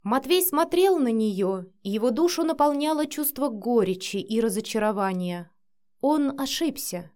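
A woman's voice: on the high side, lively intonation, normal speed, dark tone. A woman narrating a spoken story and voicing its characters. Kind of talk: scripted narration.

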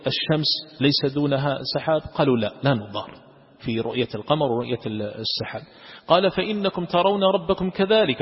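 A man teaching a religious lesson that explains scripture. He repeats key words, rephrases them, and asks rhetorical questions he then answers. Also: a little high. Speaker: sheikh teaching Quran commentary. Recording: echoey hall, dull lo-fi sound.

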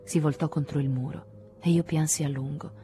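A woman narrating a literary novel in the first person, measured and intimate. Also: low-pitched, steady tone, dark tone, faint music behind. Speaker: audiobook narrator.

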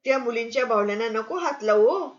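A woman doing a kind traveling gentleman. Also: on the high side, expressive, fast talker, lo-fi sound, lightly acted. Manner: gentle, affectionate.

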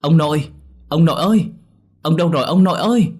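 A man voicing a cheeky young grandson who scares easily, often shouting in panic, in a spoken ghost story. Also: fairly low pitch, lively intonation, a little fast, slightly rough. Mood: panicked shouting.

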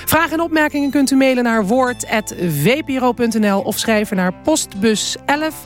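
A woman's voice: a little high, lively intonation, moderate pace, faint music behind. Wry woman hosting a radio program. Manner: wry, chatty announcing. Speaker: radio host. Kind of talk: radio presenting.

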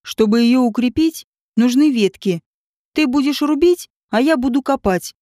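A woman voicing a gruff, irritable man who barks curt orders. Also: high voice, moderate pace, warm tone, no room sound, studio quality, close to an everyday voice.

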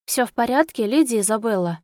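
A woman's voice: fairly high pitch, lively intonation, fairly quick, a little mellow, no echo, studio quality, close to an everyday voice. A woman voicing a timid, polite young orphan boy who apologizes and pleads eagerly. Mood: hushed.

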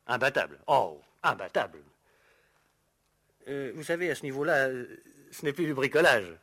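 An actor in an old French radio show playing a resentful, gossipy household servant who is hesitant, evasive and insinuating under questioning. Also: male voice, mid-range voice, pushed and bright. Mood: admiring.

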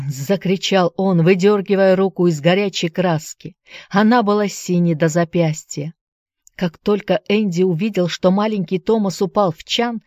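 A woman narrating a storybook at a steady, measured pace. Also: lowish voice, no echo, studio quality. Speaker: audiobook narrator. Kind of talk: scripted narration.

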